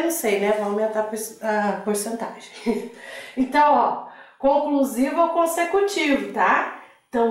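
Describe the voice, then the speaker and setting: Echoey, distant woman teaching grammar. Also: fairly high pitch. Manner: explanatory, asks the class questions and answers them herself. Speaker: Portuguese teacher. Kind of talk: exam-prep grammar lesson. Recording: very echoey room, voice distant from the mic.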